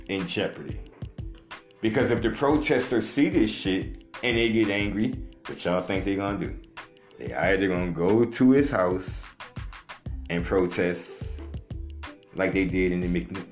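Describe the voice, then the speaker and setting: An American man giving informal, slangy, conversational news commentary, sometimes reading aloud. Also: deep voice. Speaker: online commentator. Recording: roomy echo with faint music.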